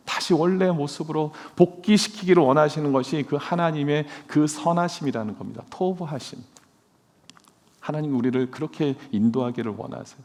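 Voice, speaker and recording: A male pastor preaching a sermon in a church, earnestly asking his congregation questions. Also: on the high side. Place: church sanctuary. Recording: long church hall reverb.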